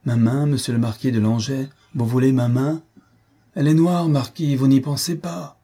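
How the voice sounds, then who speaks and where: A man voicing a dying, bitter aging nobleman with a husky, dark voice, speaking in mournful, declamatory tones. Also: medium pitch, fairly even intonation, moderate pace, pitched above the performer's own voice. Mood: feverish. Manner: mournful, declamatory, grows fierce.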